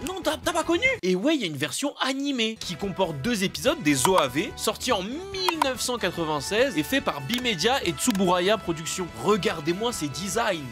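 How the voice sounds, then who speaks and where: A man's voice: high-pitched, big pitch swings, normal speed, hardly any pauses, music in the background. A young man presenting anime trivia to his viewers in a casual joking video, slangy and playfully indignant.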